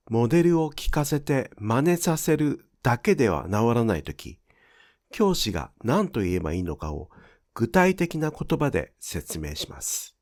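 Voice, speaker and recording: Man explaining in a lively voice. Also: medium pitch. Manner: clear, measured explanatory delivery. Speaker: Japanese pronunciation teacher. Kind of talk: scripted instructional narration.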